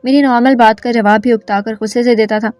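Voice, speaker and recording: High-voiced woman narrating a sad story. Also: steady tone, darkish tone, no room sound, soft background music. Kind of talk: scripted first-person story narration.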